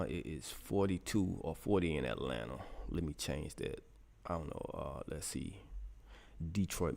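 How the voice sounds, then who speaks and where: A man's voice: low voice, gravelly, darkish tone. A middle-aged man hosting a casual live radio stream, reading out weather for listeners in the chat, loose and joking, talking to himself as he searches.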